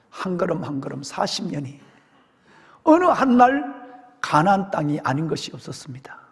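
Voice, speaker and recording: Moses, a very old grieving prophet, as a male preacher puts him on, speaks in a hushed near-whisper. The voice carries a gravelly texture under the softness. A long hall reverb hangs around every word. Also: high-pitched.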